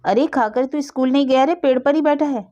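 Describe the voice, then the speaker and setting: A woman's voice: sits high, brisk, warm tone, no room sound, pitched above the performer's own voice, lightly acted. A woman voicing a weary, strict young housewife who scolds in exasperation, in a slightly dull recording. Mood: scolding.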